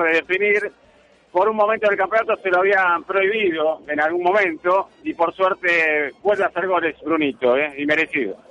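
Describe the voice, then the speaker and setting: Bright, high-voiced Argentine football analyst, male. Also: rough recording. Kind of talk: live match commentary. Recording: radio broadcast with faint noise.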